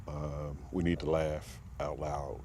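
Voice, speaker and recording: A man with a very low, deep voice talks earnestly in a casual podcast interview, pausing often to gather his thoughts. Faint outdoor ambience with passing vehicles sits behind him. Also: flat delivery, dark tone, a little hiss or hum. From Martinsville, Virginia, USA. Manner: reflective and earnest, with frequent pauses and fillers. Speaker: podcast guest. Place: outdoor expo grounds.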